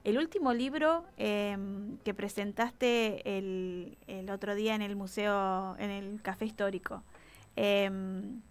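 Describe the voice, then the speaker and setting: Radio host with a clear voice. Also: female voice, mid-range voice, fairly even intonation, slow. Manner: brief agreeing interjections. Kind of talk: radio interview.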